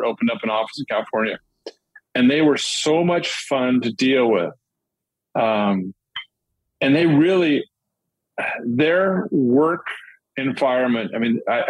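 A middle-aged man talks through his past deals as an interview guest, looping back and restarting his sentences often. His voice is husky and sits at an ordinary pitch for a man. The sound is dry and close, with no room around it. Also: no room sound, low-quality recording. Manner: rambling, with many restarts and fillers. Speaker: guest, commercial real estate dealmaker. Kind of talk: casual interview storytelling.

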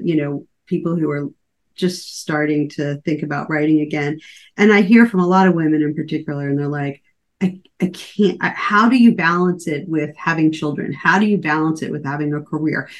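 Woman in her forties, low-ish voice, relaxed podcast guest who talks around her points with fillers. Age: 40s. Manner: conversational, many fillers and restarts. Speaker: guest author. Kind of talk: casual podcast conversation.

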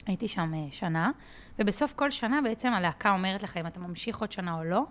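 A woman guest on a podcast, telling a personal story in a chatty way with many fillers and restarts. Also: medium pitch. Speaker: podcast guest, content creator.

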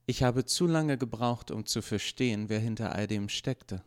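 A man reading as an earnest male android officer, speaking calmly and formally in a storybook. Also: mid-range voice, normal speed, pitched above the performer's own voice, lightly acted. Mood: grave.

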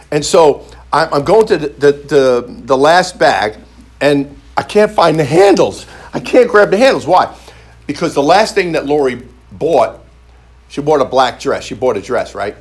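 Male preacher, lively storyteller, higher voice, repeats lines, stammers into restarts. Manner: animated, repeats phrases for emphasis. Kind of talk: storytelling sermon.

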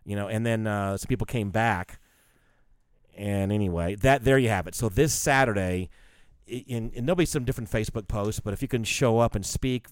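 A man's voice: fairly low pitch, brisk, clear, resonant tone, dry recording, clean studio sound. A man in casual conversation who rambles and swears freely. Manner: rambling, profane, animated. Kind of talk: casual chat.

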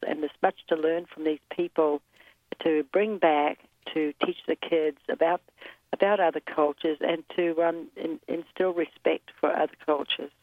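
A woman's voice: deep voice, no room sound. New woman on a tinny phone line. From New Zealand. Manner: measured, with frequent ums and uhs. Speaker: guest. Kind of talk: interview storytelling.

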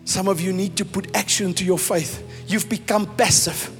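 Pastor, South African man, high voice, emphatic preaching, long hall echo with soft music behind. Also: fairly even intonation, moderate pace. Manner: emphatic preaching, mixing in Afrikaans phrases. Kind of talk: sermon.

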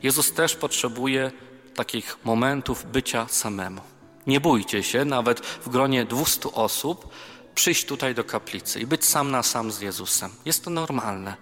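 A man's voice: mid-range voice, measured pace, fairly bright tone. A man, a priest, giving a conversational youth retreat sermon, mixing scripture with self-deprecating personal stories in a large chapel hall. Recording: reverberant hall with faint music.

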